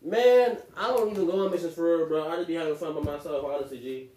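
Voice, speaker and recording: A man's voice: on the high side, quick pace, dark tone, far from the mic. Young man joking from across an echoey room. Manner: joking interjections in slang. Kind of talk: casual banter.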